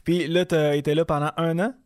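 A man hosting an interview in a Québécois French accent. His voice sits somewhat high. He talks in a chatty, familiar way and teases his guest. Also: little pitch movement, a little fast, darkish tone. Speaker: host. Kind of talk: casual interview conversation.

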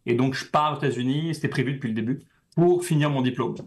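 A young Frenchman, a guest in a casual interview, rambles in a relaxed way with plenty of fillers. His voice sits at medium pitch, and he talks fast.

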